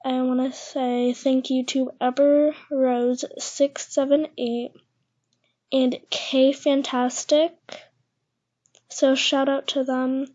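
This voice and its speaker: A young woman with a lisp, talking quietly and awkwardly with many pauses in a casual vlog, keeping her voice down at home. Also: sits high, little pitch movement. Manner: awkward, hesitant, speaking quietly to keep her voice down. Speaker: channel host. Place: echoey house, indoors. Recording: dull lo-fi home recording.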